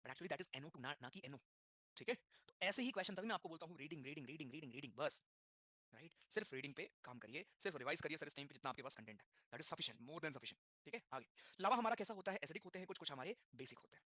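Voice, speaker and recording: Rapid, bright-voiced male teacher. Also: a little high, expressive, no echo, studio quality. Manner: rapid Hindi-English mix, repeats key terms, asks the class questions. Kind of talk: classroom lecture.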